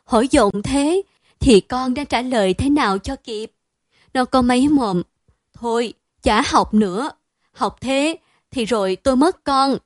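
A woman voicing a distraught, doting mother who wails and scolds loudly, in a dry, close reading. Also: on the high side, measured pace, no room sound. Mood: wailing, scolding. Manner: loud, wailing, scolding.

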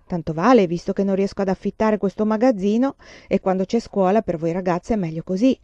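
A woman's voice: mid-range voice, a little fast, warm tone, no room sound, natural voice. A woman reading aloud, voicing a cheerful, joking pioneer father who likes to tease his family. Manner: playful, teasing. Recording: dull dry lo-fi sound.

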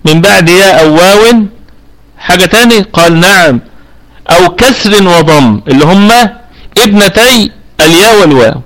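A man with an Egyptian accent teaching Quran recitation rules in a live online class, explaining patiently and often checking that students follow, slowing down to demonstrate how words are recited. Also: high voice, expressive, fairly bright tone, poor audio. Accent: Egyptian Arabic. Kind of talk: live online tajweed lesson. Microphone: online voice chat room.

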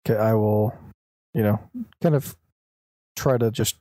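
A man's voice: on the low side, steady tone, a little slow, warm tone, no echo. A man playing a tabletop game, speaking hesitantly with frequent stumbles and restarts. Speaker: player.

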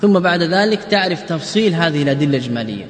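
A man's voice: a little high, animated, very fast. A man teaching a class as an Islamic scholar. He asks his students questions, answers them himself, and repeats words as he explains. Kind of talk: classroom lecture on jurisprudence and grammar. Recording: echoey hall recording.

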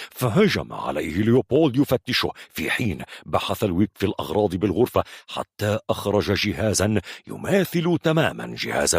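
A man narrating a thriller audiobook with a husky voice and dramatic delivery. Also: fairly low pitch, no room sound, clean studio sound. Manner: dramatic, varied storytelling delivery.

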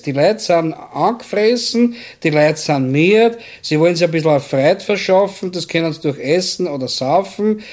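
A man, a senior physician calmly explaining life's highs and lows. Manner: calm, explaining, speeds up at times. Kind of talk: explanatory commentary. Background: faint music.

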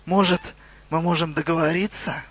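A man's voice: high voice, moderate pace, a bit bright, lo-fi sound. Guy voicing a scared grumbling troll, wheedling. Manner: frightened, grumbling. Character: nervous male troll caravan leader.

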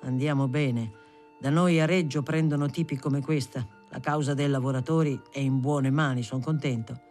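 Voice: medium pitch, steady tone, moderate pace, darkish tone, soft background music, voice pushed down, close to an everyday voice. A reader voicing a stern, irritable middle-aged politician who used to be a factory worker and speaks curtly. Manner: curt, then bursting into angry lecturing. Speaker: audiobook reader.

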